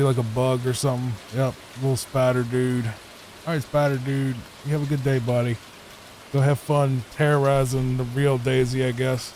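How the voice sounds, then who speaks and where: Man, Virginia accent, laid-back, soft sleep-aid commentary, home mic, middle pitch. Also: a little hiss or hum, poor audio. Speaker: gameplay channel host. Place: home room, not a booth. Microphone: studio microphone with added EQ.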